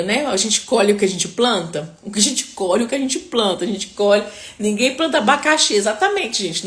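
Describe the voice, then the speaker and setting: Chatty woman, slightly high voice. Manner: chatty, peppers speech with "tá?" and "né?"; adds religious blessings. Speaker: nutritionist. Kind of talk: live-stream chat answering viewer comments. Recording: roomy, echoey room.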